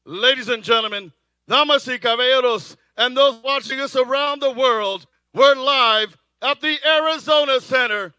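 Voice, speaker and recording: A male ring announcer with a high, crisp, resonant voice and a dry, close sound. He delivers boxing introductions theatrically, like a lucha libre announcer, drawing out key phrases. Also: no room sound. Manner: theatrical, drawn-out shouted names and phrases. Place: live boxing event.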